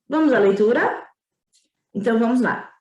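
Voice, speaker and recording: Warm-toned Northeastern Brazilian schoolteacher. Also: female voice, fairly high pitch, expressive, moderate pace, echoey room. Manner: affectionate, checks in often with the class. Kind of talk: remote class lesson.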